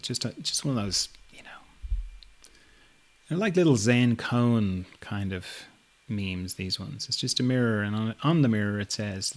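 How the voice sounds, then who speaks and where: A middle-aged man hosting a podcast, musing in a relaxed, reflective spiritual talk, full of "you know" fillers and soft laughs. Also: on the low side, vocal fry. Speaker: podcast host.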